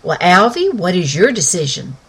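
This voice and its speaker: A woman voicing a kind father in a children's story, gentle and cheerful in manner. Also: lowish voice, sing-song, normal speed, breathy edge, full character voice, low-quality recording. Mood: warm.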